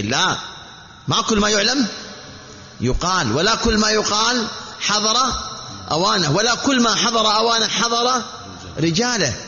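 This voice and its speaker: A man preaching a sermon, teaching in a measured way with repetition and rhetorical questions. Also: high-pitched, sharp tone. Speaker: Islamic preacher. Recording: dull echoey hall recording.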